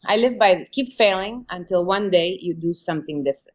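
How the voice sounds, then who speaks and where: A woman in her forties, originally from Romania, speaking as a guest in a podcast interview, relaxed and laughing often between her thoughts. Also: lowish voice, fairly quick, highs cut off. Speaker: guest photographer.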